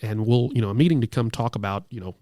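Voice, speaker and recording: A man's voice: fairly low pitch, fast, mellow, no echo, clean studio sound. A man in his thirties, an air show announcer, telling stories enthusiastically in a casual interview. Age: 30s.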